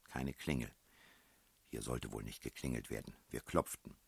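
A man reading a novel aloud as first-person narrator, with wry, measured storytelling. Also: rumbling low, breathy edge, no room sound.

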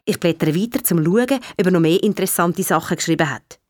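A woman with a Swiss accent, reading a children's story in the first person with a lively, childlike manner. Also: lowish voice, fast talker, no echo, clean studio sound. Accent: Swiss German. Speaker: audiobook reader.

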